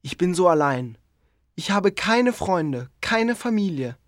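A lonely, hulking creature pleads in a slow, sorrowful voice that rises and falls widely, each word weighed. This is storybook audio drama in a dry, close recording. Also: medium pitch, sing-song, no room sound. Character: lonely, pleading giant creature made by a scientist. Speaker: narrator of his own story.

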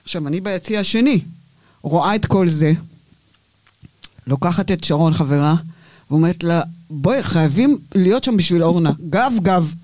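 A woman, a podcast guest and basketball fan, telling a lively anecdote and acting out both sides of the quoted arguments. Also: on the low side, no room sound.

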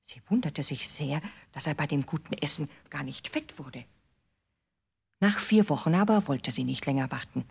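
A woman narrating a fairy tale in a measured, expressive storybook reading. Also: deep voice, vocal fry, breathy edge.

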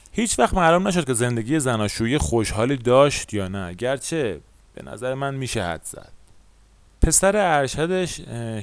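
Male podcast host, Iranian Persian accent, smooth clear delivery, conversational storytelling, very dry close sound. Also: mid-range voice, no room sound.

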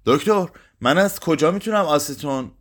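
A man voicing a quiet, grieving young widower in a read-aloud story, speaking in a subdued, weary way. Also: fairly high pitch, expressive, voice pushed up. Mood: numb, pleading.

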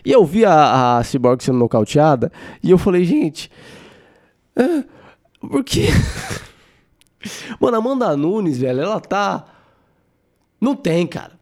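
A man with a Brazilian Portuguese accent hosting a podcast, talking in an animated, casual monologue, swearing and laughing often. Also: a little high, moderate pace. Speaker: podcast host.

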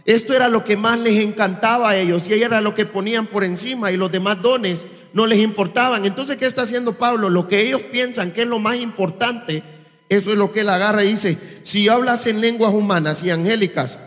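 High-voiced preacher in a reverberant church. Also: male voice, fairly quick, fairly bright tone. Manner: quizzes the congregation with rhetorical questions. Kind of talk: sermon. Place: church service. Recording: long reverb of a church hall.

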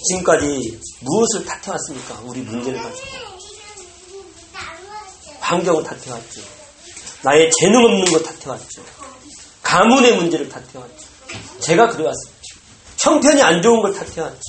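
A pastor delivering a sermon, animated and bursting into loud exclamations, recorded in a church sanctuary. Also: medium pitch, normal speed, pauses often. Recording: echoey room with faint noise.

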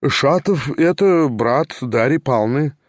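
A man doing a flustered, stammering older gentleman. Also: mid-range voice, lively intonation, no room sound, studio quality. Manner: hesitant, stammering, slow. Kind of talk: audiobook character voice.

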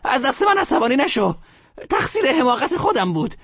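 A man voicing an imperious, frantic old grandmother gambler who shouts commands. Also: very high voice, big pitch swings, husky, muffled recording, voice pushed up, exaggerated voice. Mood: bossy.

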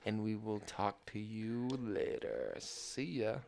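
A man's voice: on the low side, sing-song, takes it slowly, vocal fry. A man hosting a casual podcast chat, laughing often as he talks. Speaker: podcast host.

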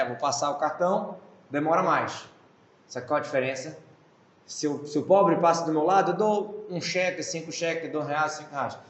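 With a Brazilian Portuguese accent, a man teaches the weekly Torah portion, explaining Hebrew terms and posing questions to himself. His voice is on the high side and the sound is roomy.

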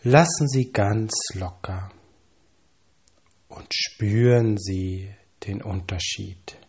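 A man calmly reading scripted guided relaxation instructions, with measured pauses and slow counting. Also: on the low side, breathy edge.

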